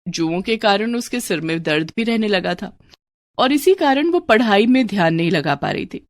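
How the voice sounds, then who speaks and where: A woman telling a moral story in steady, expressive scripted narration. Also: medium pitch, moderate pace, no echo.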